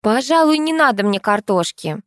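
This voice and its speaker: A woman voicing an excited young girl who shrieks eagerly. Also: medium pitch, moderate pace, no room sound, studio quality, voice pushed up.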